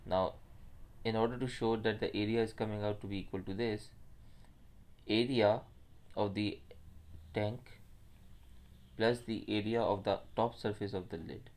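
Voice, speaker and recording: A man's voice: on the low side, fairly even intonation, measured pace, long pauses, darkish tone. A man with a Pakistani accent explains a maths problem step by step as a teacher, mixing Urdu phrases into his English.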